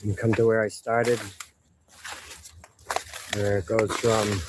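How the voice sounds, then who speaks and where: A man out of breath, excitedly narrating as he walks outdoors by a river canal, filming on a handheld camera. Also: on the low side, takes it slowly. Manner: excited, amazed commentary. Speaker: vlogger exploring ruins. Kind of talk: outdoor walking vlog. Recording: noisy outdoor ambience.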